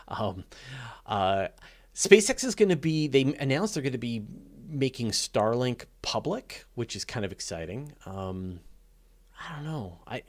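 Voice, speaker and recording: This man takes live questions on space and astronomy in an unhurried, medium-pitched voice with big pitch swings. He's casual and enthusiastic, reasoning aloud off the cuff.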